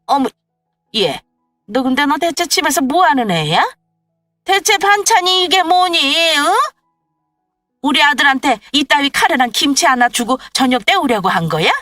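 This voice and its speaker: A woman putting on a shrill bullying mother-in-law. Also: lively intonation, moderate pace, dry recording. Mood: scolding. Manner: scolding, haughty, shouting accusations. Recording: dry, slightly distant voice with faint music.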